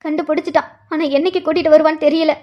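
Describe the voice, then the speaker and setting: Cartoon role: a woman playing an anguished mother, high and quick, pleading. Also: flat delivery, dull audio, natural voice. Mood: anxious. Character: worried middle-aged mother, tearful.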